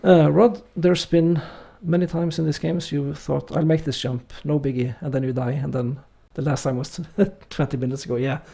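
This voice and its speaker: His voice is a little high, with vocal fry, and he talks at a normal speed with hardly any pauses. A man from Norway with a Norwegian accent, he's streaming a game and casually chatting with viewers, reading chat aloud. He's relaxed but hesitant, full of fillers.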